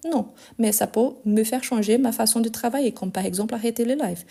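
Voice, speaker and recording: Woman teacher, Lyon accent, mellow tone, slow and careful delivery for learners. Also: a little high, creaky, slightly rough. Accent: Lyon French. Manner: slow, deliberate, exasperated asides. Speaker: French teacher. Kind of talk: live-streamed language lesson.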